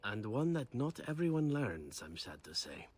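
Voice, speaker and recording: An actor playing a suave, playful assassin in a video game, telling tales in a wry, theatrical way. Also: male voice, medium pitch, big pitch swings, moderate pace, a little mellow, slightly rough. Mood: amused, boastful. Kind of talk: video game dialogue acting.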